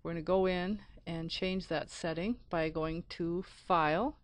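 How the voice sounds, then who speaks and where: A woman narrating a screencast software tutorial as an IT support instructor, explaining methodically step by step. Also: fairly low pitch, steady tone, a little slow, no room sound. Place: close, dry voice-over for a screen recording.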